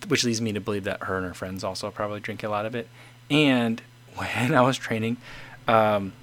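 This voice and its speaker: A man in his forties hosts a casual chat in a mid-range, slightly bright voice. He reads out viewer comments and rambles, restarting often.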